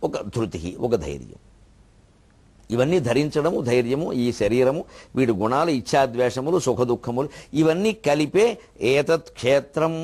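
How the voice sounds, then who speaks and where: Speaking at a medium pitch with a darkish tone, this man gives a devotional talk as a spiritual lecturer. He slowly chants verses and, like a teacher, explains the meanings of words.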